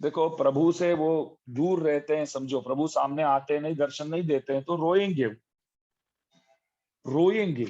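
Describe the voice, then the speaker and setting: A man's voice: a little high, normal speed, few pauses. A man giving a devotional sermon, telling vivid stories and acting out the quoted voices of the people in them. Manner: animated storyteller, acts out quoted voices. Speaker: religious teacher giving a discourse. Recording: dull lo-fi recording.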